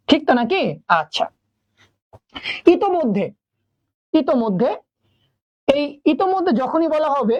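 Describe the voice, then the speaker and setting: A woman teaches spelling at a brisk clip, her voice sitting high. She keeps throwing questions at her students and answering them herself. The recording is dry and close, with a dull, lo-fi tone. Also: a little mellow, no room sound. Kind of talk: classroom spelling lesson.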